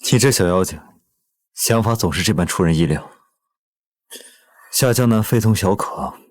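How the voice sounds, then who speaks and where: An actor playing an indulgent, commanding emperor in a costume drama, with stately, measured speech and a husky voice. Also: male voice, lowish voice, lively intonation, lightly acted. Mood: indulgent, amused. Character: indulgent, commanding emperor devoted to his consort.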